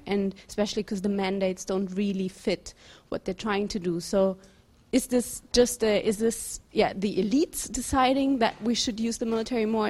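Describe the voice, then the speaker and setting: A woman's voice: mid-range voice, darkish tone. A woman in the audience asking a long academic question, thoughtful and rephrasing as she goes.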